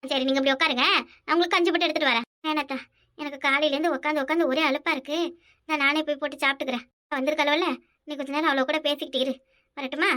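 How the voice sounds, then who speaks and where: Woman, Kanyakumari Tamil accent, very high voice, bright tone, cartoon voice acting. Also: steady tone. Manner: quick, bickering village chatter. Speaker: voice artist for a family cartoon. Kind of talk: animated village cartoon dialogue.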